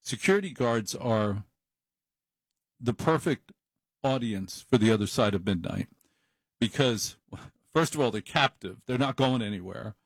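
On his overnight call-in show, a middle-aged host talks in a loose, self-deprecating ramble into the studio mic. His mid-range voice is expressive with a breathy edge, and he takes his time, leaving long pauses. No room sound is audible.

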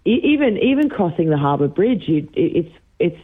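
A young Australian woman from Brisbane, a musician, talking excitedly in a radio interview, often restarting and giggling. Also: lowish voice, a little fast, breathy edge. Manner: bubbly, giggly, many restarts. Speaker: musician guest. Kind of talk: phone interview on breakfast radio. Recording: tinny phone line.

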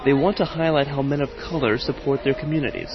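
A man's voice: mid-range voice, fast, lo-fi sound, crowd noise. A male radio reporter telling a feature story and interviewing people, with a wry, conversational delivery.

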